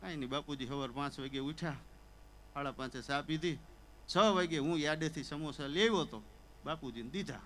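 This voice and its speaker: A man's voice: on the high side, a little fast, a little hiss or hum, rough recording. A man telling a comic story on stage, acting out characters with stammers and sobs. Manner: animated, acts out characters with stammers and sobbing. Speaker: stand-up comedian. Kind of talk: Gujarati folk comedy storytelling on stage.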